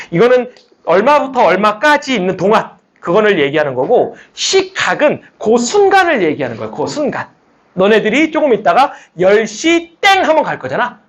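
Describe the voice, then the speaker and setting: A man's voice: sits high, slightly rough. A middle-aged man teaching math to a class, explaining step by step, teasing his students and asking them questions as he goes. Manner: lively, jokey teacher who teases students and asks questions back.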